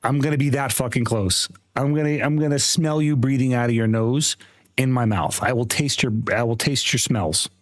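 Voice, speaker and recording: A man's voice: medium pitch, moderate pace. A man hosting a livestream, chatting casually, joking crudely and laughing often. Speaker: livestream host.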